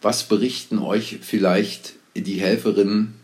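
A man coaching dental practice staff through a guided visualization, asking a steady stream of probing questions in a calm, unhurried way. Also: lowish voice.

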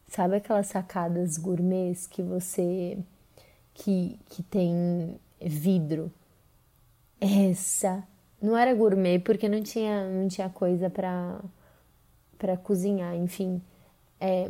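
A woman's voice: fairly low pitch, mellow. A young adult woman with a Brazilian Portuguese accent, telling a personal story on a podcast in a casual way with lots of fillers. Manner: conversational retelling with many fillers.

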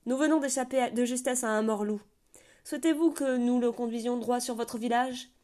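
A woman's voice: fairly high pitch, fairly even intonation, brisk, warm tone, voice pushed up, close to an everyday voice. Storybook young man, proud and desperate, urgent pleading tone, raised voice, a woman playing him.

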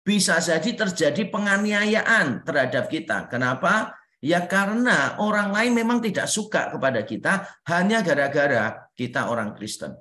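A man who is a pastor and counselor, giving a relaxed, conversational Bible study and repeating his key points. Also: on the high side, moderate pace. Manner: conversational, repeats points, frequent "nah" fillers. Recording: roomy echo.

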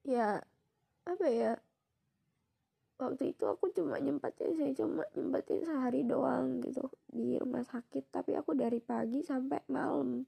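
Young woman, gravelly voice, mellow tone, soft reflective storytelling, halting with fillers. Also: sits high. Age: young adult. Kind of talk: personal storytelling.

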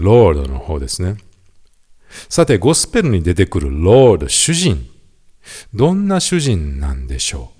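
A man with a Kansai accent giving a lively, quiz-style lesson on the English words heard in gospel songs. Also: deep voice. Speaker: teacher.

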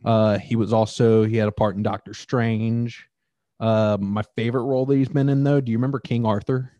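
A man's voice: medium pitch, level tone, fairly quick, mellow, no room sound, dull audio. A man co-hosting a podcast in casual chat, joking and double-checking facts. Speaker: podcast co-host.

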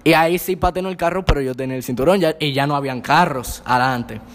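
A man's voice: fairly high pitch, fast. A young man co-hosting a podcast, telling a story in casual chat and laughing often as he goes. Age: young adult. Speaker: podcast co-host. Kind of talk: casual storytelling among friends.

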